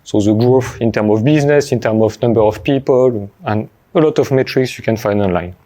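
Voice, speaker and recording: A man's voice: mid-range voice, brisk, warm tone. A middle-aged man with a French accent, speaking English as a second language, gives a conference talk with frequent fillers and restarts. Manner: hesitant, with many fillers and restarts. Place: conference stage.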